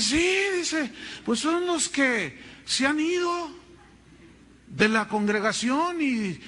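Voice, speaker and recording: Lively, bright-voiced pastor. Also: male voice, very high voice, slight background noise. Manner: animated storytelling with humor and acted-out voices. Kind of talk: sermon.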